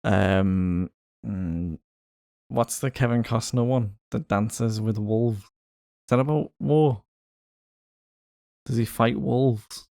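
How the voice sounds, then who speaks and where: A man's voice: mid-range voice, takes it slowly, creaky, long pauses, mellow, dry recording, clean studio sound. A man co-hosting a casual podcast chat, guessing aloud in a playful way with lots of hesitation. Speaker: podcast co-host.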